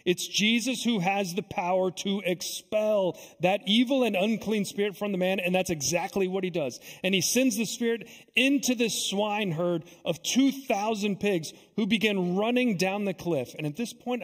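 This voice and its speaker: A pastor preaching a sermon in a church, earnest and deliberate, pausing often and repeating his phrases for weight. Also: high voice. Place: church sanctuary. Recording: long echo of a church sanctuary.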